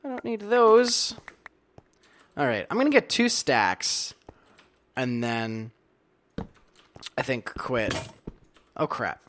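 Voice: medium pitch, very animated, slow, pauses often, fairly bright tone. A video game host giving casual, playful commentary while playing, chatting to themself with silly asides. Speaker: let's play host.

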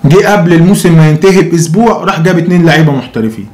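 A man's voice: a little high, rapid-fire, darkish tone. A man in his thirties with an Egyptian accent, giving opinionated football commentary to camera in a sarcastic, mocking way with rhetorical questions. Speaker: football fan commentator and host.

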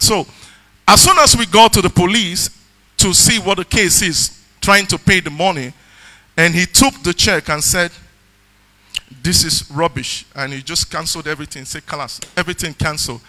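A man preaching a sermon, telling a testimony and reading scripture, rising into shouted, sing-song emphasis. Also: high voice, normal speed.

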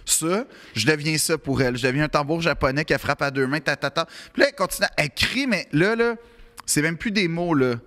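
A man with a Quebec French accent telling a comic story in casual podcast chat, animated and halting, full of restarts and repeated words. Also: a little high. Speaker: podcast co-host.

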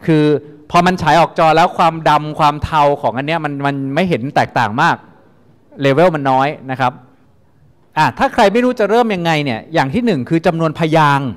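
Man, university lecturer, casual classroom talk, repeats instructions, slightly high voice, long hall reverb.

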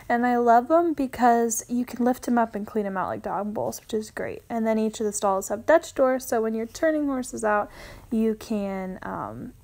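A woman's voice: on the high side, a little mellow, low-quality recording. A young woman chatting casually to her viewers as she films herself on a phone, laughing often. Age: young adult. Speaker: vlogger. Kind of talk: casual vlog. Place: horse barn, partly outdoors in rain. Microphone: phone camera held at arm's length. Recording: phone audio with barn noise.

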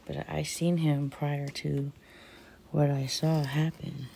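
Speaking slowly in a deep, creaky voice with a flat delivery, a middle-aged woman vlogs a ghost hunt, chatting nervously and swearing casually, over background noise. The setting is a large old cellar. She is recorded from far off in the echoey basement on a camera that moves from a tripod to handheld.

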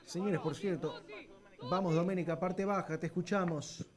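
Fairly high-voiced Ecuadorian football announcer, a man. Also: steady tone, moderate pace, crowd noise. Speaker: lead football announcer, reading sponsor mentions. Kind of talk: live football play-by-play and presenting.

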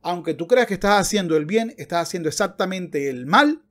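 Brisk and lively in intonation, a thirty-something man with a high, fairly bright voice makes emphatic, argumentative points, reading passages aloud as in an opinionated video commentary. He sits near a desktop mic in front of him, indoors in a book-lined home room.

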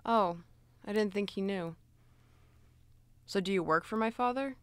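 A woman's voice: medium pitch, a little slow, a bit bright, clean tone, no echo, close to an everyday voice. A woman voicing a timid, downbeat young waitress. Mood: subdued.

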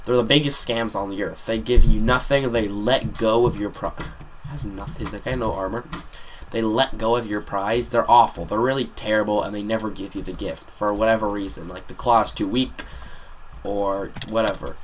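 Teen male gamer, rambling sarcastic storyteller with excited outbursts, typing faintly heard. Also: on the low side, normal speed, slight background noise. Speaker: gaming commentator. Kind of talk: storytime commentary over gameplay. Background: keyboard clicks and typing.

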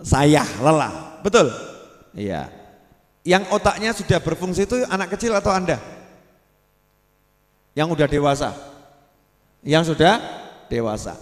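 A man's voice: a little high, measured pace, pauses often. A man preaching a sermon, asking the crowd questions and drawing out his words. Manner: lively, asks the crowd questions and draws out words. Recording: long hall reverb.

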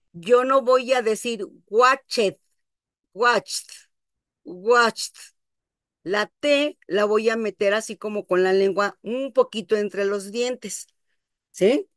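Slow, patient woman teaching pronunciation. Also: a little high, dry recording, clean studio sound. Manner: patient, explanatory, checks understanding. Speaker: English teacher. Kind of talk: explaining pronunciation to students.

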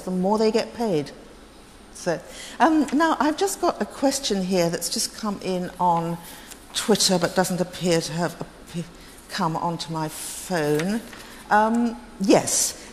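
A woman's voice: mid-range voice, a little hiss or hum. Poised woman moderating in a reverberant hall. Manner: articulate, poised questioning. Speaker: conference moderator. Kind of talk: moderating a panel discussion. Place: conference hall. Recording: conference hall reverb, faint ambience.

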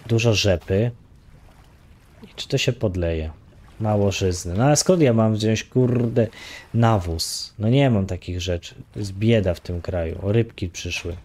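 A man's voice: on the low side, a little slow, darkish tone. A man casually talking through his own game play, muttering counts and grumbling with light swearing. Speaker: gaming YouTuber. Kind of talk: casual let's-play commentary.

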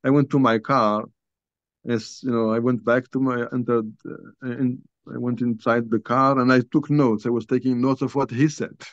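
An older Algerian man, a guest author, tells a personal story over a video call from a small room at home, speaking haltingly and conversationally with frequent restarts and lots of "you know." His voice is medium-pitched and steady, with no echo, though the call audio is dull and lo-fi.

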